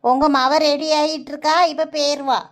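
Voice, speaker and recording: A woman voicing a shrill fussy village mother. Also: little pitch movement, normal speed, lightly acted. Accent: Kanyakumari Tamil.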